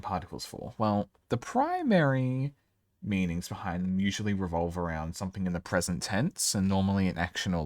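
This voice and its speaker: A man's voice: low-pitched, a little mellow, dry recording, clean studio sound. A man giving a casual language lesson as host, talking with a box over his head and making self-deprecating asides. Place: garage.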